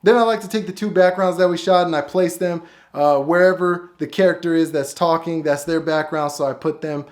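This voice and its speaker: A YouTuber who makes animated shorts casually explains how he films and edits his videos, thinking aloud as he goes in an offhand, behind-the-scenes way. His voice sits on the high side with a steady tone, moving a little fast with few pauses. It was recorded on a phone.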